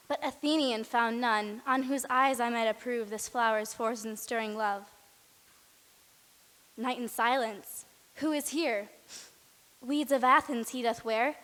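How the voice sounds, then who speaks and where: A woman playing a mischievous male fairy servant who speaks in brisk rhyming verse in a school stage play. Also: a little high, fairly bright tone. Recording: echoey hall.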